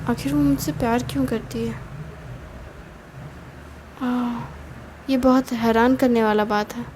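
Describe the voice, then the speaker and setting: A woman's voice: fairly high pitch, fairly even intonation, a little slow, noisy background, natural voice. A woman voicing a young man, the hero of a romantic story, who muses aloud in confusion and speaks to his friend curtly. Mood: puzzled musing. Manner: muttering to himself, then curt and cold.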